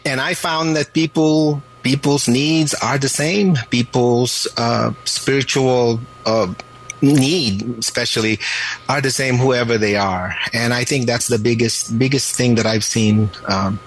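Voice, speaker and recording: A pastor in his late fifties, born in the Philippines, speaks on a radio program. His voice sits at an ordinary middle pitch. He stops and restarts often and lets fillers slip between his words. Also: slight background noise, poor audio. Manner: halting, many restarts and fillers. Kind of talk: radio interview answers.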